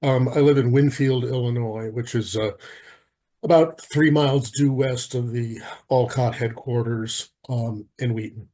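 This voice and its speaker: A man in his sixties from the United States, answering interview questions in a hesitant way with many pauses and restarts. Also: medium pitch, fairly even intonation, mellow. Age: 60s. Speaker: guest.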